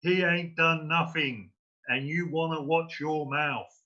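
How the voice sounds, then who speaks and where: A man's voice: a little high, fairly even intonation, slow, sharp tone, lo-fi sound. A man voicing a surly, defensive neighbour in a recited poem, with a drawling, confrontational manner. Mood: defiant.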